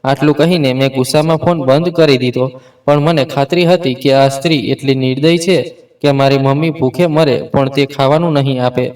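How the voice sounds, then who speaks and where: A man's voice: mid-range voice, fairly even intonation, moderate pace, a little mellow, distant mic. A man telling a first-person story in an earnest way, with small restarts. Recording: voice set back from the mic.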